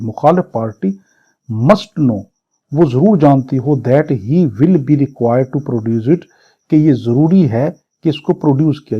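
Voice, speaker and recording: In an exam-prep law lecture, a man with a Pakistani accent reads English statute phrases aloud and explains each point by point. He's didactic, repeating and rephrasing as he goes, in a medium-pitched voice with a breathy edge. The lo-fi audio is dull and muffled.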